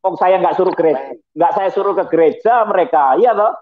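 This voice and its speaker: Pastor guy, middle-aged, preachy and lively, kinda high voice, sounds like a phone line. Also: fairly quick. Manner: lively, preachy, chuckling asides. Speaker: pastor giving testimony. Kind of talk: testimony talk over slides. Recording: tinny phone-like audio.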